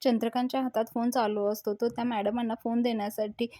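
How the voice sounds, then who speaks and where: Higher-voiced woman recapping a TV episode. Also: level tone, fast, dark tone, no room sound, clean studio sound. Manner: retells scenes and reads out characters' lines, with small slips and fillers. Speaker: TV serial review host.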